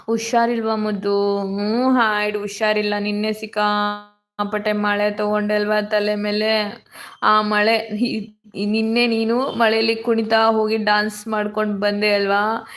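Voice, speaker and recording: A woman hosting a casual live stream from her phone in a dark room at home, her voice hoarse and cracking from illness as she greets viewers by name. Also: mid-range voice, completely flat delivery, measured pace. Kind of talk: casual live chat reading comments. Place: dark room at home during power cut.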